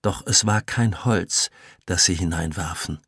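A man reading an audiobook as narrator, calm and measured. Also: deep voice, breathy edge, dry recording, studio quality. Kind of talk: scripted narration.

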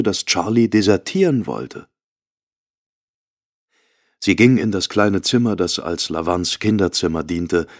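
A man giving a measured, scripted audiobook narration. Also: low voice, no room sound, studio quality. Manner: measured, even storytelling.

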